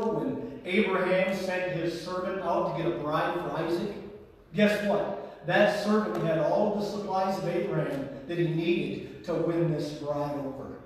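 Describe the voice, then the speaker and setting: Midwest preacher guy, high voice, sounds far off in a big echoey church hall. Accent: American Midwest. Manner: preaching with rising emphasis and folksy asides. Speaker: pastor. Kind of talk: sermon. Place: church sanctuary.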